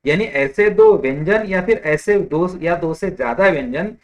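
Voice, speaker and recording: A man teaching a Sanskrit grammar lesson in a patient, explanatory way, repeating examples slowly and stopping to correct small slips. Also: high voice, animated. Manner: explanatory, slips and corrects himself, mixes English terms. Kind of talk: online lecture.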